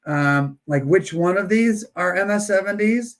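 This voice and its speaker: A man's voice: high voice, expressive, measured pace, a bit bright. A man hosting a live coin auction, chatting and joking while he counts down bids. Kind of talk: casual live-stream auction chat.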